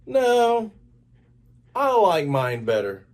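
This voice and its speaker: A man reading aloud, voicing an eager, sensitive furry blue monster boy with high, excited squeals. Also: drawn-out words, full character voice. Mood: happy, excited.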